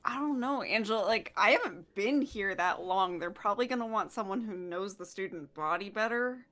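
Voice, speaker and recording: Tabletop student role woman performer: sharp bright tone, hesitant, shrugging, self-effacing. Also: mid-range voice, animated, moderate pace, close to an everyday voice. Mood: reluctant. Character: unsure, reluctant strong new student. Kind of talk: tabletop role-play acting.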